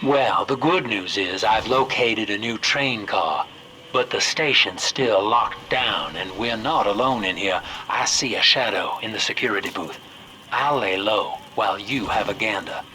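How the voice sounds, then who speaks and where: A man playing a calm, matter-of-fact radio ally. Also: on the low side, measured pace, lightly acted, low-quality recording.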